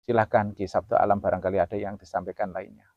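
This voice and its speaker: A man hosting a talk show, addressing viewers earnestly and solemnly, his voice swinging between loud emphasis and soft asides. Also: fairly low pitch, flat delivery, fast talker, no room sound, lo-fi sound. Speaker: host.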